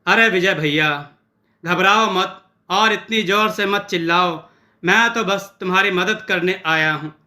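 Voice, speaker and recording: A man's voice: high voice, a little slow, pushed and bright, heavily acted. A man voicing a small rat-like creature, a cheeky, folksy helper who cooks in secret.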